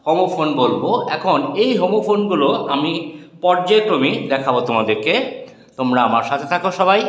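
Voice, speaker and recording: A man gives an English lesson to students, spelling each word out one letter at a time. He drops his pace to a crawl for the English definitions. His fairly high voice bounces around a very echoey room with a long ringing tail. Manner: spells words letter by letter and explains them. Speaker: English teacher.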